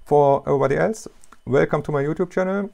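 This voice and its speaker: A middle-aged man with a German accent, a non-native English speaker, talking casually and haltingly to camera about his hobby machining in his basement workshop. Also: a little high, gravelly, darkish tone. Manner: halting, many fillers, self-deprecating. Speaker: YouTuber, hobby CNC machinist.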